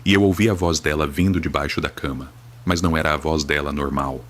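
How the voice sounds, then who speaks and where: A man's voice: rumbling low, fairly even intonation, a little fast, a bit bright. A Brazilian man reading a first-person horror story in a somber, dramatic, grave manner.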